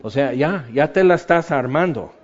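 A middle-aged man preaching a sermon, animated and humorous, swinging between loud and quiet. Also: a little high, unhurried. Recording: slightly dull lo-fi sound.

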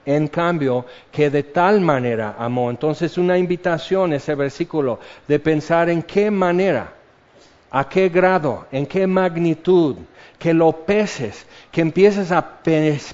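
A man preaching a sermon, slow and measured, repeating key phrases for weight. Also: on the high side, a little mellow. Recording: dull lo-fi sound.

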